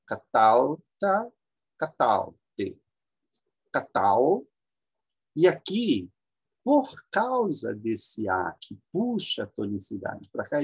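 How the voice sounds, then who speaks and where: A man from Brazil, teaching a slow, halting lecture with many fillers and drawn-out example words. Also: medium pitch, vocal fry, husky, no room sound. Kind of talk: classroom lecture.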